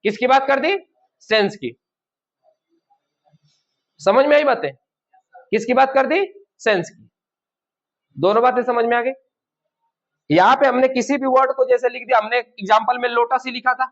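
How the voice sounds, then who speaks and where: A man's voice: very high voice, normal speed, long pauses, a bit bright. A man teaching an English grammar class, who keeps asking his students questions and then answers them himself. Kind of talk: classroom lesson. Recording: dull lo-fi classroom recording.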